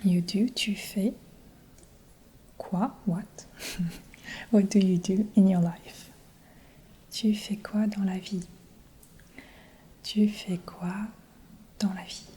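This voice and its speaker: Whispering woman teaching, slow and mellow. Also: medium pitch, steady tone, breathy edge. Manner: whispered ASMR teaching, repeating phrases slowly; soft giggles between phrases. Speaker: French teacher. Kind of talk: whispered role-play. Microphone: close binaural mic.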